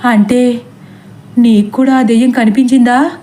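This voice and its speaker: A woman voicing an older man, a protective uncle who talks in a calm, reassuring way in a storybook tale. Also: on the high side, measured pace, close to an everyday voice. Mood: puzzled.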